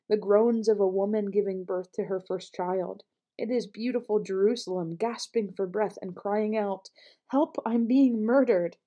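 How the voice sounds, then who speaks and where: A woman reading scripture aloud in a measured, earnest way, with the odd small slip. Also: mid-range voice, warm tone, lo-fi sound. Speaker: scripture reader.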